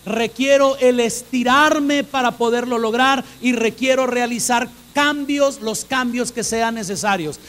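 A man's voice: extremely high pitch, fairly bright tone. A man preaching a sermon to a church congregation, repeating phrases for emphasis and asking the listeners direct questions. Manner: emphatic, repeats phrases to drive points home.

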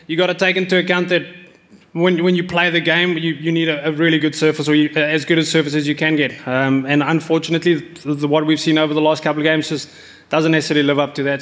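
A man's voice: a little high, fairly bright tone. A man in his forties, a cricket coach answering reporters' questions at a press conference, speaking into table microphones with frequent fillers and restarts.

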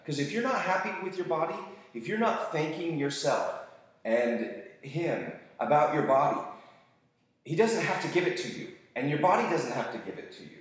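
A man's voice: fairly high pitch, moderate pace. A man teaching students, giving a casual, enthusiastic motivational talk about fitness and acting out voices as he goes. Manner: enthusiastic, animated, acts out voices when quoting. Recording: very echoey room.

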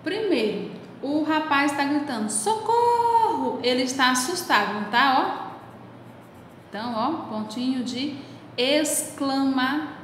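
A woman teacher talks young pupils through a lesson, unhurried and patient, and affectionate toward them. Her voice sits high. The recording rings with a long, roomy reverb and a faint hiss behind it. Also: a bit bright. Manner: patient, explains step by step. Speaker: primary school teacher. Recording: very echoey room with long reverb.

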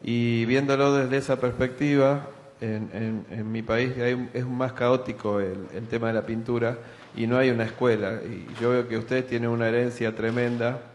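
Argentine guy asking a question in an auditorium, lots of eh, pretty monotone, roomy echo. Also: mid-range voice. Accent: Argentine Spanish. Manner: fills pauses with "eh", drawn-out question. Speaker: audience member asking a question. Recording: reverberant auditorium.

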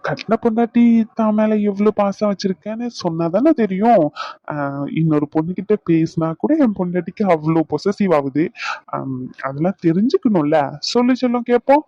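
A woman's voice: mid-range voice, fairly quick, mellow, no echo, natural voice. A woman voicing a playful young husband in a cartoon, teasing and coaxing his wife. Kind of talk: cartoon voice acting. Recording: slightly dull, dry lo-fi sound.

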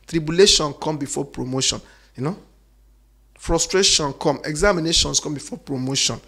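A man preaching emphatically, repeating phrases and swinging between loud declarations and quiet asides. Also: fairly high pitch, normal speed, husky. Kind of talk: preaching monologue.

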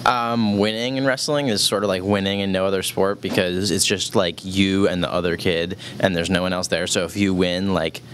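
A teenage boy, a senior wrestler, answering interview questions in a relaxed, hesitant way with many fillers. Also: low voice, moderate pace, few pauses, a little hiss or hum. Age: teens. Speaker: student athlete interviewee. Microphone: handheld mic.

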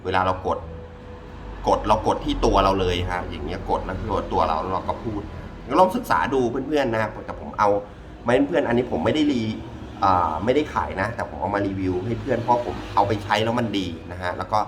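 A man with a lowish, animated voice briskly reviews a gadget hands-on, keeping it casual and repeating himself as he demonstrates step by step. Noticeable ambient noise fills the background.

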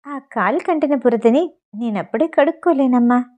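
A woman's voice: sits high, normal speed, darkish tone, lo-fi sound. A woman reading the part of a playful, teasing young woman in a storybook.

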